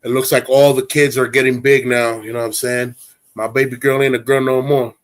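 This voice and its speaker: A man's voice: medium pitch, little pitch movement, fairly quick. A man in his forties hosting a casual chat, talking in a rambling, candid, streetwise way. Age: 40s. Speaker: host.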